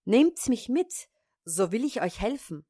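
A woman's voice: fairly high pitch, very animated, measured pace. A woman voicing a tiny, cheeky thumb-sized boy in a storybook reading, pert and teasing. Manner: pert, teasing, loud shouting.

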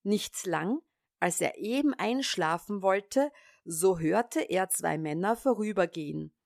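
Slow, calm woman reading a fairy tale. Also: medium pitch, vocal fry, no room sound, studio quality. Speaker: storyteller.

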